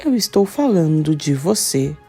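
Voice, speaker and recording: Uma mulher lendo as falas de um imigrante italiano teimoso, com tom firme e insistente. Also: female voice, low-pitched, sing-song, measured pace, warm tone, breathy edge, soft background music, exaggerated voice. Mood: firm. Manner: firm, insistent. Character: stubborn Italian immigrant man, firm.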